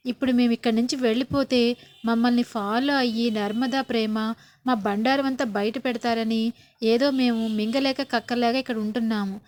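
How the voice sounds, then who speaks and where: A woman's voice: a little high, steady tone, moderate pace, a little mellow, natural voice. A woman doing a scheming, cautioning mother. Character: scheming middle-aged mother, calm and cautioning.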